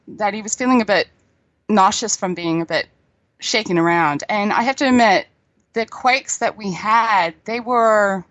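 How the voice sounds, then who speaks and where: A woman's voice: medium pitch, a bit bright, no echo. A middle-aged woman from New Zealand with a New Zealand accent, a scientist guest chatting casually on a radio interview and laughing often.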